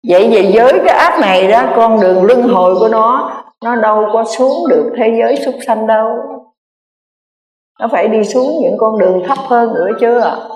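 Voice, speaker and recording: Her voice fairly high and darkish, a Buddhist nun speaks at normal speed in an earnest dharma talk. She repeats key phrases and speaks right to her audience, all captured in an echoey, reverberant hall.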